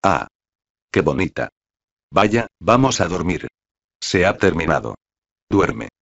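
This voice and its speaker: A man voicing a weary young woman who flatly urges her friend to go to sleep. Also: deep voice, slow pace, vocal fry, slightly rough, dry recording, lo-fi sound, full character voice. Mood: sleepy.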